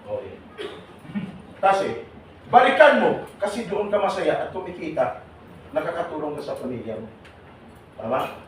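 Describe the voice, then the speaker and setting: A man leading a seminar for overseas workers, teasing and questioning the audience in a lively way. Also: on the high side, moderate pace, pauses often. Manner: teasing, jokey, calls on audience members. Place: large hall with audience. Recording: echoey hall, voice from far off, noisy.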